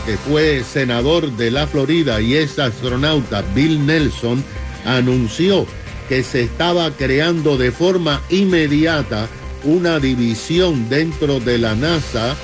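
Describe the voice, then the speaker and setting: A man co-hosting on radio, explaining a news item to his partner in a measured way. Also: medium pitch. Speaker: radio co-host. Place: radio studio. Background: music bed.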